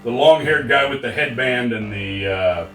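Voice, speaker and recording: Rambling, profane podcast co-host, bright tone, distant roomy mic. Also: male voice, mid-range voice, moderate pace. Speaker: podcast co-host reviewing movies. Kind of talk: casual chat. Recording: roomy sound from a distance, faint music.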